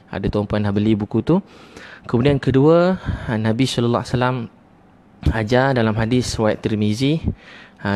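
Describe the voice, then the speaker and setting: A man's voice: mid-range voice, a little mellow. A middle-aged man preaching a sermon, who repeats his points, asks rhetorical questions and drops frequent "ha" interjections.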